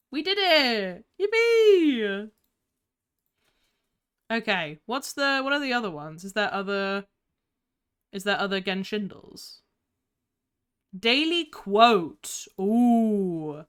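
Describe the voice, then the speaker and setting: A woman streamer chatting live with her viewers in a bubbly, giggly, excitable way while playing games. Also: mid-range voice, smooth. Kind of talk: live gaming stream chat.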